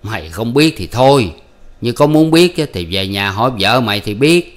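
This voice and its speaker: A man's voice: medium pitch, big pitch swings, normal speed, close to an everyday voice. A man voicing a mocking old village official. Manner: teasing, blunt, laughing at others.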